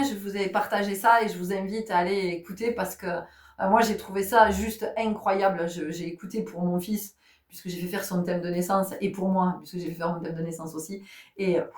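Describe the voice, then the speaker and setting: A chatty woman vlogging in a relaxed, storytelling way. She often stops to restart her sentences. Her voice sounds distant and carries a roomy echo. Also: mid-range voice, moderate pace. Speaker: spiritual guide and vlogger. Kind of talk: casual chat.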